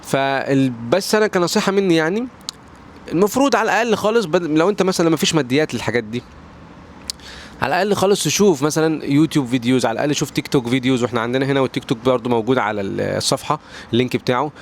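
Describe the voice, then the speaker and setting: A young Egyptian man who makes English pronunciation TikToks talks rapid-fire in a mid-range voice with an Egyptian Arabic accent, giving casual advice in a vlog. He rambles with many restarts and fillers, mixing in English words, at home near a balcony door, with a little hiss or hum.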